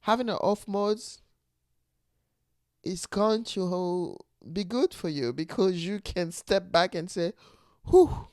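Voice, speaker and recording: A man with a foreign accent talks through his ideas in a loose, reflective monologue and laughs often as he goes. His voice is smooth and resonant, and the recording is close and dry, with no room sound around it. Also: high voice, takes it slowly, dry recording. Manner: laughs often while talking; speaks with a non-native accent. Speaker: podcast host.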